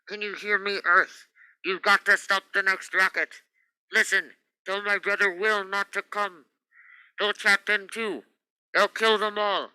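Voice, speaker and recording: A man's voice: high-pitched, pushed and bright, smooth, no room sound, heavily acted, rough recording. A man playing a desperate, pleading space captain stranded alone on Mars, in old radio drama style. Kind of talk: 1940s-50s radio drama acting.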